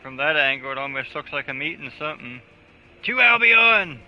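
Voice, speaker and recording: On a casual gaming livestream, a man with a voice on the high side and lively intonation chats at normal speed, dropping crude jokes offhandedly. The sound comes through a dull lo-fi mic with game music behind it.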